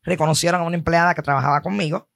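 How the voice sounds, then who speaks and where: A woman with a Puerto Rican accent in a casual chat, quick to agree and chiming in briefly. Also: deep voice, fairly even intonation, gravelly, no room sound. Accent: Puerto Rican Spanish. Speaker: podcast co-host.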